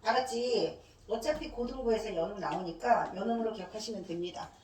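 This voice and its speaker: With a mid-range, slightly mellow voice and a somewhat fast delivery, a woman teacher gives a grammar lecture in class. She answers the questions she poses and goes through letters one at a time, heard through a far-off mic in a room with echo.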